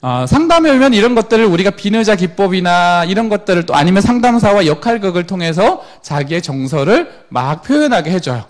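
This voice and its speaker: A middle-aged man giving a lecture to parents, animated, acting out quoted parents and children. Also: high-pitched, a little fast, few pauses.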